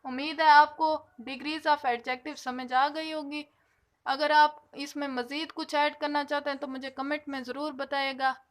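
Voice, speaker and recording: A woman teaching an English grammar lesson, explaining patiently and slowly stretching out the example words. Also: high-pitched, level tone.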